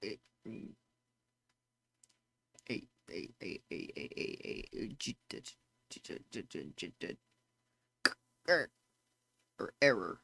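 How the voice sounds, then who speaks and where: A man's voice: on the low side, very animated, slow, creaky, long pauses, pushed and bright, heavily acted. A man voicing a damaged robot that glitches, stutters and repeats words in clipped machine phrasing. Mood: glitching monotone. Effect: glitching robot voice, words breaking and repeating.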